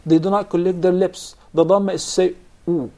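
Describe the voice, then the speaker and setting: A man's voice: high-pitched, flat delivery, fairly quick, darkish tone. A man teaching a Quran recitation class, explaining points patiently and quizzing his students. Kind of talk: classroom instruction.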